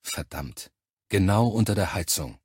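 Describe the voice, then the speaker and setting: Man, audiobook narrator, calm measured first-person reading, dry close sound, low voice. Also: breathy edge, dry recording.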